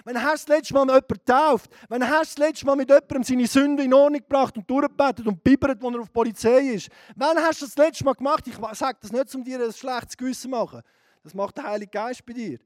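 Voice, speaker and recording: A middle-aged man with a Swiss German accent preaching a fervent sermon, dropping to a hush and rising to shouts. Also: extremely high pitch, fast talker, no room sound, clean studio sound. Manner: fervent, swings from hushed to shouting.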